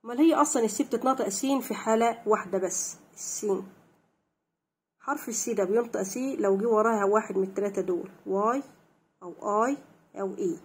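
A young woman with an Egyptian Arabic accent teaching an English lesson, reading each line slowly and then explaining it, and asking questions that she answers herself. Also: medium pitch, a little mellow. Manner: reads English lines slowly and clearly, then translates.

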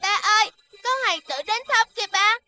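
A woman voicing a tiny playful boy in a cartoon, slow and sweet with a high childlike voice, over children's music. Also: fairly even intonation, bright, forceful tone, heavily acted. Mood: teasing. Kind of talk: 3D cartoon dubbing.

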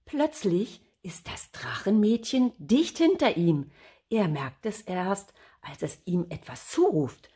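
An older woman, a grandmother, reading a children's storybook aloud in a gentle, expressive way. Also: mid-range voice, slow pace, slightly rough.

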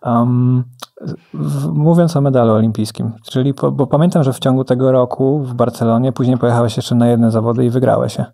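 Fast-talking gravelly podcast host man. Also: mid-range voice, fairly even intonation, mellow. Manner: quick, probing questions, restarts. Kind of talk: casual interview.

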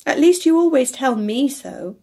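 A woman with a husky voice playing a spirited young wife who speaks with pointed, earnest emphasis in a storybook reading. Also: sits high, lively intonation, normal speed, warm tone, pitched above the performer's own voice, heavily acted.

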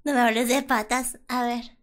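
A woman, chatting casually as a streamer and often bursting into loud laughter. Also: on the high side, steady tone, normal speed, a crowd in the background. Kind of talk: casual livestream reaction.

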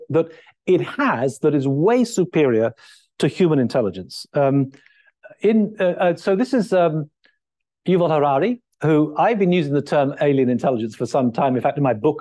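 Middle-aged guy lecturing at a podium, mellow tone, lots of ums and restarts. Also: a little high. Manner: thinking aloud, many fillers and restarts. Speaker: keynote speaker. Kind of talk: conference lecture. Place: large lecture hall, at a lectern.

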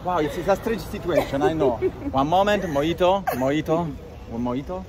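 A man in his thirties with an Italian accent, live streaming in a casual, flirtatious, excitable way and often repeating his phrases. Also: a little high, normal speed, a loud crowd. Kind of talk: casual live street vlog, switching between languages. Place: outdoors on a city street by a road. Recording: noisy city street with traffic.

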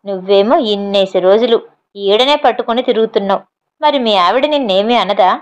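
A woman's voice: mid-range voice, normal speed, dull audio, lightly acted. Woman doing a timid bumbling village sidekick. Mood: timid pleading. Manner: pleading, timid.

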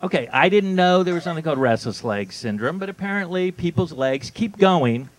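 A man's voice: fairly high pitch, animated, brisk, rough recording. A man with a thin, whiny voice doing stand-up comedy in a conversational, mock-puzzled way, reading copy aloud with joking asides.

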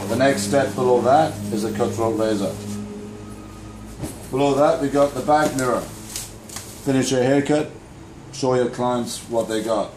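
An Australian barber in his thirties casually demos a tool kit in a small barbershop, his enthusiastic, informal patter recorded on a camera. His mid-range voice is unhurried, with frequent pauses over a noisy background, and the roomy shop adds faint ambience.

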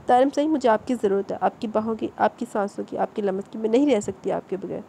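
A woman's voice: medium pitch, gravelly, mellow, a little hiss or hum, close to an everyday voice. A woman voicing an emotional young village bride who pleads tearfully with her husband.

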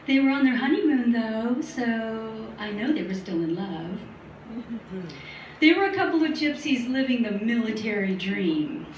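Middle-aged female comic, higher-pitched, dry self-deprecating delivery; live room echo, faint hiss. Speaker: stand-up comedian. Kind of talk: stand-up comedy set. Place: small studio at a comedy night. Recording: roomy, distant live recording with faint noise.

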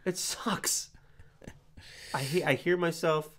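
A man's voice: a little high, steady tone, slow pace, a bit bright. A man in his thirties co-hosting a comedy podcast, talking in a rambling, self-deprecating, joking way with a nasal voice. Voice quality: nasal speaking voice. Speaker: podcast co-host. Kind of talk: casual chat.

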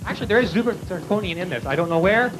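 A young man giving a tongue-in-cheek home shopping sales pitch into a handheld mic. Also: animated, racing, over music. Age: young adult. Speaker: comic home shopping presenter. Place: TV studio. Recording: noisy nineties VHS TV rip.

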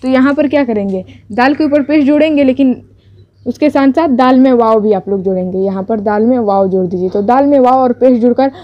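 A woman's voice: on the high side, a little fast, muffled recording. A woman teaching a beginners' Urdu writing lesson step by step, patiently explaining each stroke and correcting herself as she goes.

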